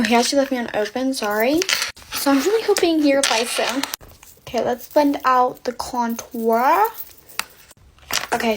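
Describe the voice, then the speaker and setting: A young woman telling a get-ready-with-me storytime while doing her makeup, gushing and filling every pause with "like". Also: on the high side, background noise. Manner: gushing, filler-heavy valley-girl chatter.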